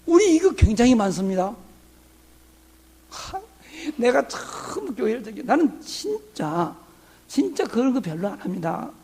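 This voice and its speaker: Gravelly high-voiced Korean pastor preaching. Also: male voice, sing-song, a little slow, dark tone. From Honam region, Korea. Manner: conversational preaching with rhetorical questions. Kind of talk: sermon.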